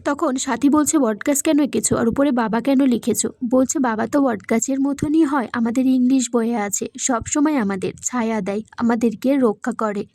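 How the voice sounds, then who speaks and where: A woman reading a plot recap of a TV serial episode, telling the story in a steady way and voicing the quoted lines in the same voice. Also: fairly high pitch, normal speed, hardly any pauses, dry recording.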